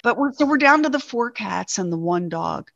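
Expressive woman telling pet stories. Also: medium pitch, normal speed, gravelly, no room sound, highs cut off. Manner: storytelling, animated and expressive. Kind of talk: casual chat.

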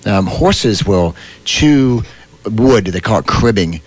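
A man's voice: on the low side, lively intonation, takes it slowly, breathy edge. A man hosting a pet radio show, explaining things in a hesitant, filler-laden way, like a veterinarian talking shop. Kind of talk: casual radio chat.

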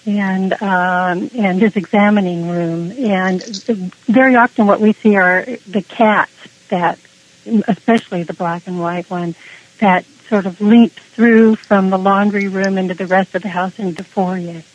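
A woman's voice: medium pitch, fairly even intonation, unhurried. Woman guest with dull lo-fi sound. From Canada. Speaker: interview guest. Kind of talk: casual conversational storytelling.

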